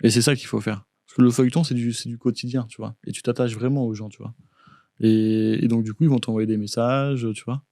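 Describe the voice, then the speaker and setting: A man's voice: medium pitch, steady tone, fairly quick, creaky, dark tone, dry recording. Upbeat guy on a podcast, hypes his cohost, dry studio mic. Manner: upbeat, encouraging, peppered with tag words. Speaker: podcast co-host. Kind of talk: casual chat.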